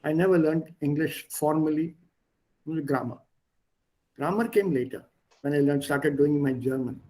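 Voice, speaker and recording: In a poorly recorded video call, an Indian-accented man who grew up speaking Gujarati teaches German in English. He explains patiently, slowing down to emphasize key words, and his voice is a little high and slightly mellow.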